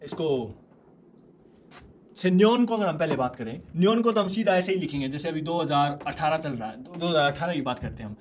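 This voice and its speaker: A man teaching a language lesson in a casual way, slowly repeating words so learners can follow. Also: fairly high pitch, expressive, slight background noise.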